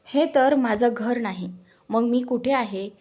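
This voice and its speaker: A woman doing a defiant young heroine in a story, a bit breathy, pitched high. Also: measured pace, darkish tone. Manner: defiant, frightened.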